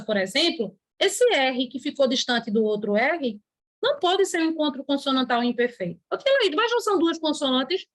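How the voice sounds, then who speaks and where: A teacher with a high, slightly bright voice gives an online grammar lesson, explaining patiently and stretching out the words she wants to stress. She writes on a board as she talks and sometimes voices a student's question herself.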